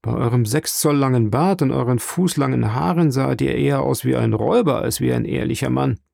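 Man voicing a bearded sailor, hearty, blunt, gravelly, raised voice, dry close audiobook sound. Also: medium pitch, brisk, darkish tone, no echo. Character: simple, good-hearted bearded male sailor. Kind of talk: audiobook reading.

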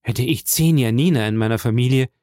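A man's voice: mid-range voice, a little fast, a little mellow, no echo, studio quality, natural voice. A man voicing an agitated young nobleman in an audiobook, speaking in heated, rising questions. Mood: indignant.

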